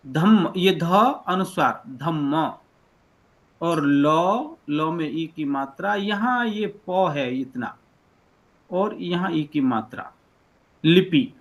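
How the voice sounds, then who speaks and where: Male online teacher, higher voice, patient and deliberate, video-call audio. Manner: explains letter by letter, patient and deliberate. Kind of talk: online lecture.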